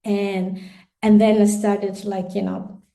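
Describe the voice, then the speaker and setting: A woman from Colombia, Spanish being her first language, is interviewed as a podcast guest. Her medium-pitched voice is gravelly and dark, delivered slowly in a level tone. She comes across as thoughtful, restarting often, repeating words, and laughing lightly.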